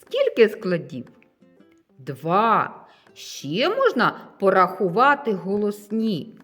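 A woman teaches young children to read, sounding out each letter with careful, clear diction. She speaks very slowly, and her pitch rises and falls a great deal. Faint music plays quietly behind her. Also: very animated. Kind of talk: children's literacy lesson.

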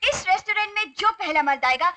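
Young woman, heroine's friend in film comedy; high, bright, challenging banter. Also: animated, fairly quick. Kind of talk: Hindi film comedy acting.

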